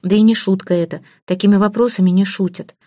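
A woman's voice: medium pitch, steady tone, fast, mellow, no echo, clean studio sound, natural voice. A woman voicing an earnest, impulsive young nobleman who speaks insistently.

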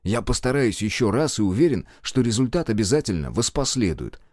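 A man's voice: mid-range voice, very animated, a little fast, a little mellow, no room sound, clean studio sound, lightly acted. A male audiobook reader voicing a cheeky young man who answers earnestly and a little insolently. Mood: defiant. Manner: earnest, defensive, casual. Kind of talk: audiobook character voice.

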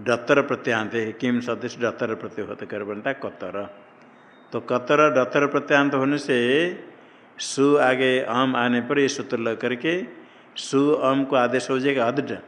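A man's voice: medium pitch, fairly bright tone. A man teaching Sanskrit grammar to a class, drilling students with questions and correcting their recitation. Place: ashram classroom. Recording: long hall reverb, faint noise.

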